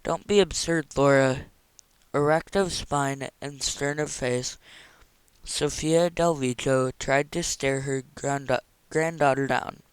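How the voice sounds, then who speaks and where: A man reading a novel chapter aloud in a steady, even narration. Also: medium pitch, slow pace, clean tone, dry recording, low-quality recording. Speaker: audiobook reader.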